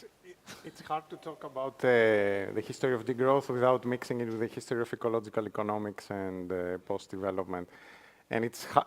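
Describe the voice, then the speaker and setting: A man with a Spanish accent speaking on a conference panel, lecturing with frequent fillers and restarts. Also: lowish voice. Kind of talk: academic panel talk. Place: conference hall.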